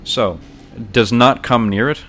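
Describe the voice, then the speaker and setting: A young streamer with a mid-range voice speaks slowly over background noise while casually commentating on gameplay. He rambles in a thoughtful, bookish way and frequently corrects himself partway through sentences.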